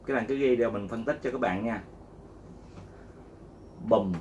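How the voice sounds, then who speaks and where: A man's voice: medium pitch, unhurried, darkish tone, muffled recording, a little hiss or hum. A man teaching a casual guitar lesson, patiently repeating steps and calling out each strum with sound words. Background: guitar playing.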